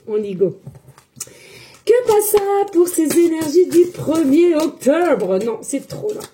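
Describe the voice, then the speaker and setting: A woman speaks with a high but mellow, warm voice. She talks casually and defensively to her viewers as a psychic medium, repeating herself and dropping in fillers. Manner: defensive, repetitive, many "hein" and fillers. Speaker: psychic medium giving tarot readings. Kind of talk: casual spoken monologue to viewers.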